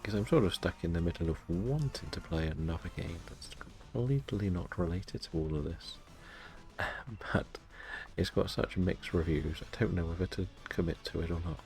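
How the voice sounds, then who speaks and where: Low-voiced, low-key male game streamer. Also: fairly quick, a little mellow, faint music behind. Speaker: live-streaming gamer. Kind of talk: casual game stream commentary, chatting with viewers.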